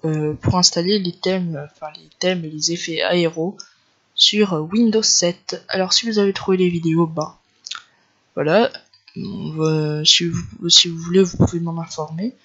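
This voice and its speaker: A man's voice: sits high, pushed and bright. A man with a Northern French ch'ti accent, talking casually and loosely step by step through a computer tutorial. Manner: informal, loose step-by-step explaining. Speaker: tech tutorial creator. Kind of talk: casual screen-recorded tutorial narration. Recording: dull lo-fi home recording.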